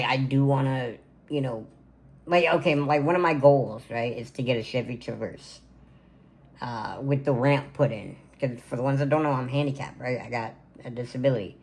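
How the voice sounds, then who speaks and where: This man's voice is medium in pitch, steady in tone, slightly fast and creaky. He's a content creator in his twenties filming a birthday vlog indoors in his home gaming room, chatting casually to the camera and rambling with plenty of filler words.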